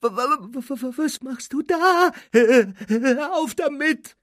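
Dudley a shrill whimpering boy. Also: steady tone, takes it slowly, no room sound, clean studio sound. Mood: stuttering terror. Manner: shrill, wailing, stuttering. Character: panicked whimpering teenage boy, cowardly bully.

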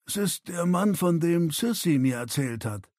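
A worried older father with a raised, strained voice, as a male narrator plays him. He pleads and defends himself in a husky tone, sometimes slowing to press his point. The reading is dry and close. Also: fairly high pitch, lively intonation, darkish tone, dry recording, pitched above the performer's own voice. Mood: pleading.

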